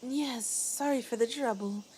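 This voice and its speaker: A woman voicing a polite, formal young woman as she reads game dialogue aloud, with a courteous, measured manner. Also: fairly high pitch, a little mellow, a little hiss or hum, lightly acted.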